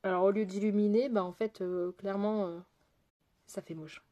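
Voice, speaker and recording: A makeup artist runs a loose, chatty live makeup session, talking straight to her viewers and picking up their comments as she goes. Her voice is warm, middle-pitched and fairly even, at a moderate pace, and she uses frequent fillers, often hesitating or trailing off mid-sentence.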